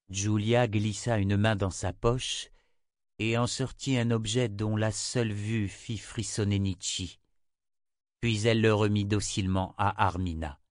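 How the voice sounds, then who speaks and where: Low-voiced male audiobook narrator. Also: no echo, clean studio sound. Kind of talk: scripted narration.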